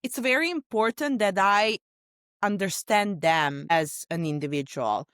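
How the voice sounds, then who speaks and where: Serbian-accented woman, smooth and chatty. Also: mid-range voice, animated, measured pace, a bit bright, no room sound, studio quality. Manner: chatty and open, talks in loose run-on phrases. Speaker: podcast guest, sales leader. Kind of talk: casual podcast conversation.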